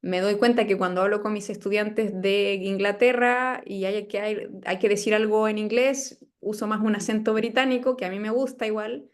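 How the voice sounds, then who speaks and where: A woman with a Chilean accent talks as a guest in a relaxed interview. She explains her views carefully, stopping briefly to think now and then, in the manner of a teacher. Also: medium pitch. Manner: thoughtful, explanatory, pauses with "eh". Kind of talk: casual interview chat.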